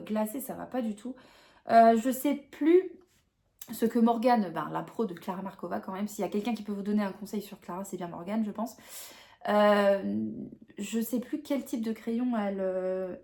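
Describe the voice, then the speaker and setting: A young adult woman chats casually to her viewers about her coloring pages. Her talk is hesitant and full of fillers and restarts, in an even, middle-pitched voice. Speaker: vlogger showing her coloring books. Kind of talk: casual chat to camera.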